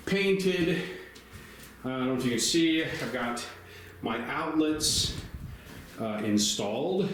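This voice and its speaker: A middle-aged man chatting casually to camera about his DIY project. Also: mid-range voice. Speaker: DIY vlogger. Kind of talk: casual build vlog talk. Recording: background noise.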